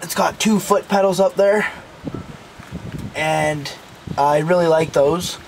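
Outdoors in a backyard, a man films an unscripted amateur review on a handheld phone camera, walking through it in a halting, informal way. His pitch is fairly high, and clear background noise, including passing cars, runs through the outdoor phone recording.

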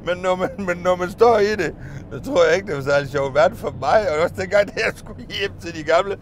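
A man's voice: high voice, slight background noise. A man vlogging, casually telling childhood stories, rambling with restarts, swearing and laughing often. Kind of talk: casual storytelling of childhood memories.

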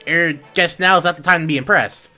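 Over game music, a woman hosts a let's play in a fairly quick, pushed, bright voice that sits on the lower side. Her casual commentary is chatty, full of self-corrections, and includes dialogue read aloud.

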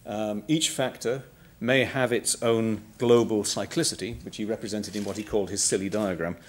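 A middle-aged man giving a public science lecture, measured and halting, with frequent ums and uhs. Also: lowish voice.

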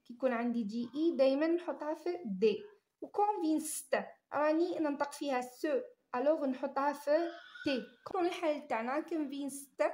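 A woman teacher with an Algerian Arabic accent walks students through English exam questions. Her voice sits high. She reads each English line slowly and deliberately before explaining it. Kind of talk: exam-prep lesson.

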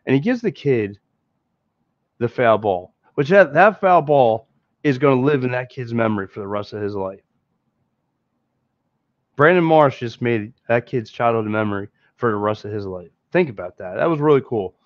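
A man in his thirties with a Philadelphia accent hosts a casual postgame sports podcast, rambling along with frequent repeats and restarts. His mid-range voice is expressive and moderately paced, captured on a headset mic in a small indoor room in front of a green screen. The recording is dry, dull and lo-fi, with no echo.

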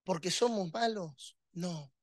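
A man's voice: high voice, slow pace, no room sound, studio quality. A man preaching a sermon, emphatic and rhetorical, with touches of humor.

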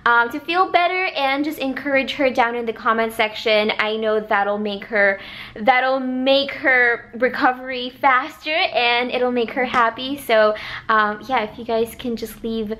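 High-voiced young woman vlogging. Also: steady tone, unhurried, a bit bright. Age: young adult. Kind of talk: casual vlog chat. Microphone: camera held at arm's length.

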